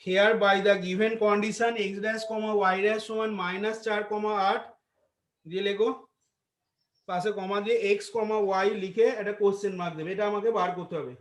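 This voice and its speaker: A man's voice: high-pitched, steady tone, moderate pace. A male maths teacher with a Bengali accent, dictating solution steps to a class and repeating phrases for note-taking. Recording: echoey classroom.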